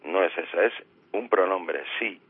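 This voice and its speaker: A man's voice: low-pitched, unhurried, breathy edge, dry recording. A man explaining grammar patiently on a radio show, using everyday examples. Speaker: language expert guest. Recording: tinny phone line.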